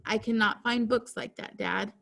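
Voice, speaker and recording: A woman reading aloud the lines of a disappointed young boy in a storybook, quietly and softly. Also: on the high side, steady tone, normal speed, gravelly.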